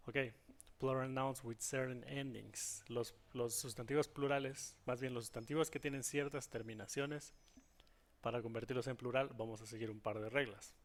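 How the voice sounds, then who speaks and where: A man teaching English grammar in a recorded lesson, explaining patiently and often checking in with students. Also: medium pitch.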